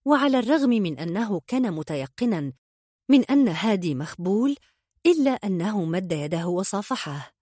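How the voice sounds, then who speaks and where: A woman narrating a novel in a steady, measured storytelling voice. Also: medium pitch, no echo, clean studio sound. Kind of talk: audiobook narration.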